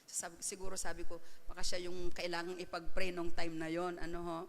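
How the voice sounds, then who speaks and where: A woman's voice: on the low side, completely flat delivery, a little fast, a little hiss or hum. An older woman pastor preaching a sermon, switching between Tagalog and English and calling on the congregation to respond. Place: church hall. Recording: long hall reverb.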